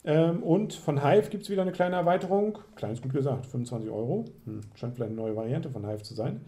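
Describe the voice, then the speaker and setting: Relaxed man chatting through a list. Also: on the high side, fairly quick. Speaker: board game podcast host. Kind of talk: casual chat.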